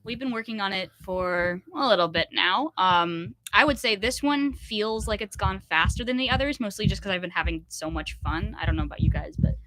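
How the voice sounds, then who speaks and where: A woman's voice: medium pitch, animated, a little fast, hardly any pauses, fairly bright tone, rough recording. A teenage girl talks as a guest on a local radio program. She speaks in a matter-of-fact, friendly way. A faint hiss sits under her voice. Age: teens. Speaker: high school actor, guest. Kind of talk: casual interview chat. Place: radio studio.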